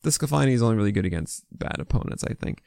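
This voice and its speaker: A man's voice: lowish voice, lively intonation, rapid-fire, gravelly, a little mellow, no room sound, studio quality. An American man hosting a fantasy baseball podcast, talking with a swollen mouth in casual, opinionated, unscripted commentary full of asides.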